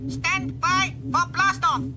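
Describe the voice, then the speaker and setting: A man voicing a friendly young alien space boy who talks in a slow, stiff, precise way without contractions. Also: very high-pitched, steady tone, heavy background noise, voice pushed up. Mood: formal.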